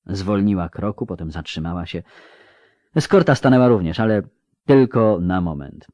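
A man narrating an audiobook with an expressive, dramatic reading. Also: low voice, no room sound. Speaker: audiobook reader.

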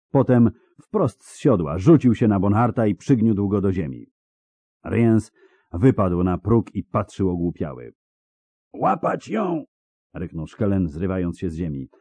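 Deep, dark-voiced male audiobook narrator. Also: dry recording. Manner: steady, dramatic reading. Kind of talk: scripted fantasy narration.

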